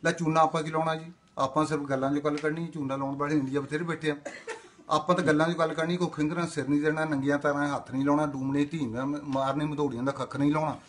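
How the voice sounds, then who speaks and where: An older man from Indian Punjab delivering rapid-fire rhyming comic patter, chanting long rhythmic lists in a sing-song. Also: a little high, level tone, a bit bright, a little hiss or hum. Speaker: comic monologue performer.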